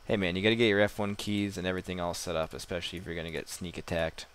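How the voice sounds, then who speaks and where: A man's voice: low voice, fairly even intonation, very fast, fairly bright tone. A man giving casual, rambling gameplay commentary, self-deprecating and swearing now and then. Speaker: gamer. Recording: noisy home mic recording.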